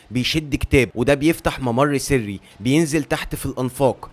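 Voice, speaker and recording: Male comic-recap narrator, Egyptian accent, rapid dramatic telling, average pitch. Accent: Egyptian Arabic. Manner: brisk, dramatic storytelling. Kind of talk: comic book story recap.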